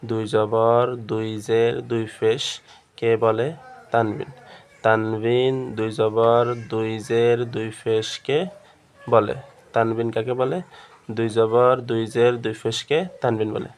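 Male Quran reading teacher, steady flat delivery, slow and patient drilling. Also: mid-range voice, a little hiss or hum. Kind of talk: step-by-step recitation lesson.

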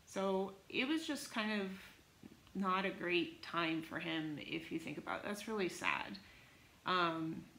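A young woman teaches a music lesson in a casual, chatty way, full of fillers, building her story with animated energy. Her voice sits on the lower side. The room is echoey, with a faint hiss underneath. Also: a little slow, vocal fry.

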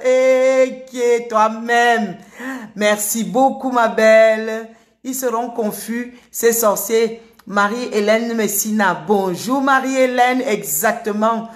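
A woman's voice: on the high side, reverberant. A woman hosting a live stream, taunting her critics and greeting commenters by name in a combative way. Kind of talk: live-stream political rant.

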